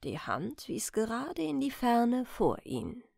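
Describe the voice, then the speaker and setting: A woman reading a bedtime audiobook in a calm, measured narration. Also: on the high side, vocal fry, no echo, clean studio sound. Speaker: audiobook reader.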